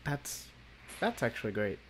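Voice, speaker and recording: A man's voice: mid-range voice, big pitch swings, measured pace, fairly bright tone. Chatty man co-hosting a podcast. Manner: chatty, rambling, laughs easily. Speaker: podcast co-host. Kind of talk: casual chat.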